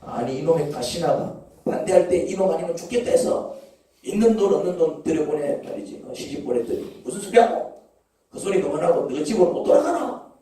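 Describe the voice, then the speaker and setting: A preacher puts on an exasperated middle-aged mother, scolding her grown daughter bluntly. The voice sits fairly high and swings widely. It carries heavy church echo and sounds distant from the microphone. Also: lively intonation, fairly quick, mellow, natural voice. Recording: echoey church hall, from far off.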